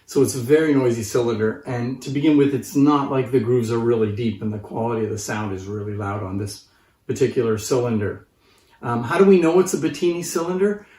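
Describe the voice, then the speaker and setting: An antique phonograph collector in his fifties talks casually to the camera from a living-room sofa, explaining his subject in a conversational manner. He speaks fairly quickly in a mellow, mid-range voice, captured by a distant mic in a roomy space.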